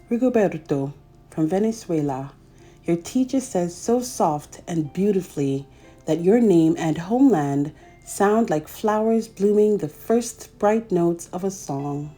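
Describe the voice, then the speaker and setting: Lively, bright-toned woman reading to children. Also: lowish voice. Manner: addresses young listeners directly. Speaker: host of a children's read-aloud show. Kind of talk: expressive children's picture-book read-aloud.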